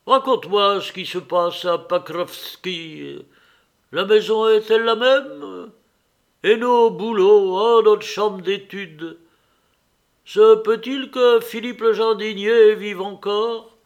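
A troubled drunken elder brother who bursts out loud and high, bitter and afraid, as a male audiobook reader puts him on. His voice sits up high and his speech drags slowly. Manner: loud, agitated outbursts. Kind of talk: audiobook character reading.

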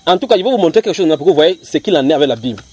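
Guy running a heated religion debate, talks super fast, pushy, keeps cutting in. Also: fairly high pitch, expressive, a little mellow, slightly rough. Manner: insistent, repeats himself, cuts in.

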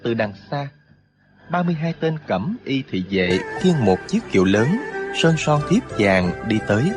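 A man narrating a martial arts novel for an audiobook, in an expressive, steady storytelling manner. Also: mid-range voice, moderate pace, music in the background.

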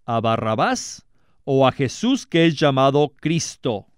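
A man's voice: mid-range voice, very animated, slow, smooth, dry recording, clean studio sound. A man voicing a stern questioning governor.

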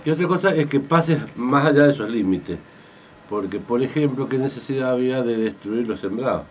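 A man with an Argentine accent co-hosting a radio talk show. He speaks deliberately, pausing often with fillers. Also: mid-range voice, lively intonation, darkish tone. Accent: Argentine Spanish. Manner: deliberate, with many pauses and fillers. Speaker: radio co-host. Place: radio studio. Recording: distant mic with faint noise.

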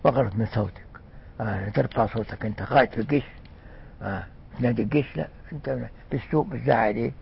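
An older man with an Egyptian accent giving a conversational religious lesson, often pausing with fillers and restarting words. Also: mid-range voice, gravelly, breathy edge. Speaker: religious scholar. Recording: muffled lo-fi recording.

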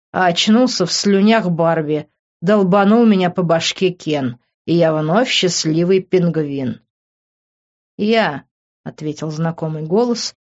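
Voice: medium pitch, a little mellow, highs cut off. A reader narrating a novel in the first person, with heated, emotional delivery.

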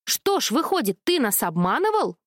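A prickly, quick-tempered male rook in a children's story, voiced by a woman. He talks high and heated, always indignant. The voice is close and dry. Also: no echo. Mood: accusing. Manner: indignant, excitable.

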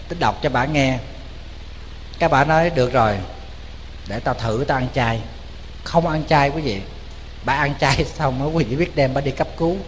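A man with a Southern Vietnamese accent, a Buddhist monk telling a story in a sermon, animated and colloquial, speaking straight to his audience. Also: a little high, long reverb tail, slight background noise.

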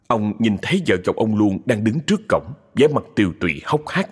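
A man reading a horror story in a dramatic, expressive narrating voice. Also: lowish voice, a little fast, husky.

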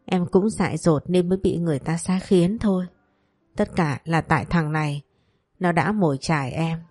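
A woman's voice: on the low side, moderate pace, darkish tone, dry recording, natural voice. A woman voicing a young servant girl in an audio story, tearfully begging and swearing her innocence. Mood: pleading. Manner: pleading, tearful. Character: young maid caught cheating, wailing and begging.

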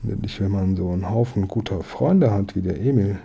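A man reading a children's book aloud, relaxed and homely, adding a casual aside at the end. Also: sits low, brisk, vocal fry, slightly rough. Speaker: reader.

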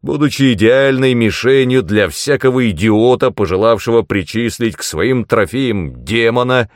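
A man voicing a grumpy, blustering male demon mentor in an audiobook, given to loud indignant outbursts. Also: on the low side, lively intonation, moderate pace, no echo, studio quality, close to an everyday voice. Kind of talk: audiobook character reading.

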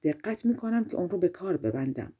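A woman's voice: lowish voice, big pitch swings, mellow, husky. A woman voicing a polite young hero. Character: young male hero seeking work, polite.

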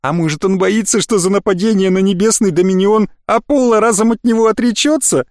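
Man doing a sly purring young woman, lifted pitch, teasing, audiobook character. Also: brisk, darkish tone, no room sound, studio quality, natural voice.

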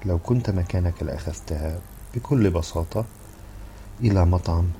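A man's voice: low voice, moderate pace, warm tone, a little hiss or hum. A man reading the part of a fussy, exasperated husband who scolds and brushes things off. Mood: scolding. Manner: scolding, dismissive.

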